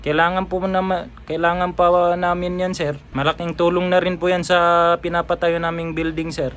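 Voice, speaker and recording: High-pitched man, prankster feigning innocence on a call. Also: little pitch movement, moderate pace, fairly bright tone. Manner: polite, feigning innocence, pleading. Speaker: prankster baiting a scammer.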